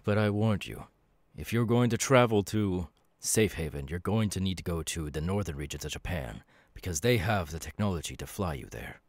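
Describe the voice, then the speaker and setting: Halting and dramatic, a male actor performs a demon warrior's ASMR audio monologue in a low-pitched voice. He sounds knowing and calmly threatening, and the recording is dry.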